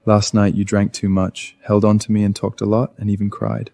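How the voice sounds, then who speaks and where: An actor playing a powerful, protective, self-controlled crime boss in a romantic screen drama. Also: male voice, on the low side, completely flat delivery, moderate pace, vocal fry, dark tone. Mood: teasing, tender.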